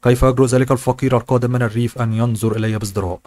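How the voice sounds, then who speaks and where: A man reading the lines of an angry, proud young rich woman in a novel audiobook, in a sharp, indignant manner. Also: medium pitch, fairly even intonation, very fast, natural voice.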